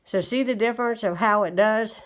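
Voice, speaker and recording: Speaking a little fast in a medium-pitched voice, this West Virginia home vlogger is a bit out of breath. She chats casually indoors at home, showing her wood-care work and recommending the product she used.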